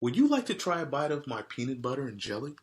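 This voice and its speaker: A man's voice: medium pitch, sing-song, fast, pitched above the performer's own voice, natural voice. A man voicing friendly, eager young schoolgirls in a storybook read-aloud. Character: two friendly young schoolgirls making up over lunch. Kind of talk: storybook character voices.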